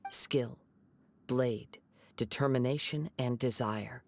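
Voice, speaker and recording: A man voicing a calm, poetic young wandering samurai in a video game, composed and measured, with a creaky voice. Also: medium pitch, a crowd in the background. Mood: calm, reflective. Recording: game music behind the voice.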